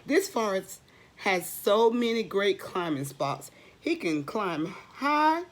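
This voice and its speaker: Slow and expressive, a middle-aged teacher's mid-range voice carries a read-aloud storytime for small children. She puts questions to them and answers them expressively, drawing out words and repeating them for emphasis.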